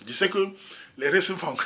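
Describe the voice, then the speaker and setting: Fast, bright-voiced man giving his opinion. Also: fairly high pitch, husky. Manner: emphatic, repetitive, addresses listeners directly. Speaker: YouTube commentator. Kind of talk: casual opinion monologue. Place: Europe.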